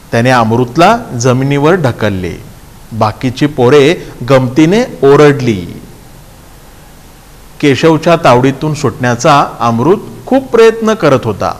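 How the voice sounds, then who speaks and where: A man teaching a class reads a story aloud at an unhurried pace. He goes back over each sentence in plainer words. His voice carries a long, lingering reverb. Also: mid-range voice. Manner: reads a sentence, then retells it in simpler words. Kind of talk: reading a story aloud and explaining it.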